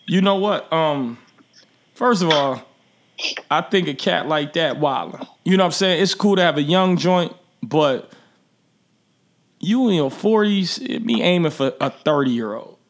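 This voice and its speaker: A man's voice: on the high side, animated, measured pace. A man co-hosting a podcast, chatting loosely and joking in slangy banter. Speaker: podcast host. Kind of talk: casual chat.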